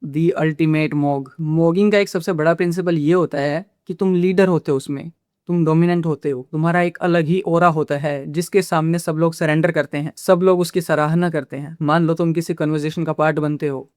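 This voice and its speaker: A man's voice: on the high side, fairly even intonation, normal speed, a little mellow, smooth, no echo, clean studio sound. A man who makes communication-skills videos, lecturing the viewer directly and casually, dropping English phrases into his talk. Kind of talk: casual instructional talk to camera.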